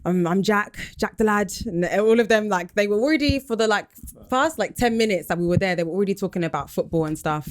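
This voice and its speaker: A young woman in her twenties, a podcast guest telling stories in a casual, lively way and acting out other people's lines. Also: mid-range voice, fast talker. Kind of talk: casual storytelling chat. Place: podcast studio.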